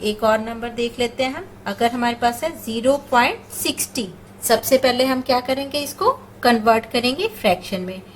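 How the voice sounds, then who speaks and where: A woman explains math step by step as in a classroom, patiently raising questions and answering them herself, number words mixed throughout. Fairly high-pitched and moderately paced, she barely pauses. The audio is poor, with a little hiss or hum.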